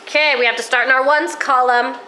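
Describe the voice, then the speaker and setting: A woman's voice: high voice, fairly even intonation, a little fast, bright, forceful tone, slight background noise. A woman teaching a math lesson to a class of children, encouraging them and asking questions, her voice worn and close to giving out. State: coughing, losing her voice.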